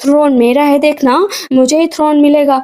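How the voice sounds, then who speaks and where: Spoiled, vengeful young princess read by a woman narrator, high, mellow tone. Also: little pitch movement, moderate pace, natural voice. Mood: denying. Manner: demanding, pleading and vengeful.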